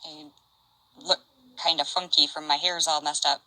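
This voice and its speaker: An older woman casually chatting on a stream, reading out messages in a halting, rambling way. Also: low voice, sing-song, vocal fry, sharp tone, dry recording, poor audio. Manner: rambling, halting, restarts and asides.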